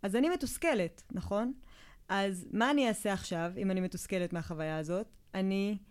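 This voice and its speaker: A woman's voice: medium pitch, a little mellow, clean tone. A woman co-hosting a podcast, chatting casually and explaining ideas through personal stories and step-by-step examples. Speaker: podcast co-host. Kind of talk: casual chat.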